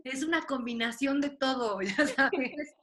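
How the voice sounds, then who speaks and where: A woman's voice: high-pitched, measured pace, a bit bright. A young woman hosting a podcast, bubbly and giggly, often repeating herself. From Mexico. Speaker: podcast host. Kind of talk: casual podcast chat.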